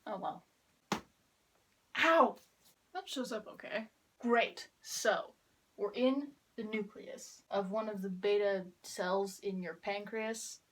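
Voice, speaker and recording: A teenage girl making a class video, explaining a biology topic in a casual, wry, deadpan way while kneeling to draw with chalk. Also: medium pitch, slow pace, rough recording. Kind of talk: casual explainer with sarcastic asides. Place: kneeling on the ground drawing with chalk.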